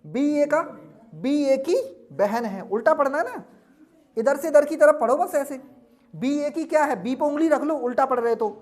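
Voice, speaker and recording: A man's voice: extremely high pitch, normal speed, a little mellow. A man teaching a classroom lesson, drilling students with repeated questions and answers and scolding them now and then.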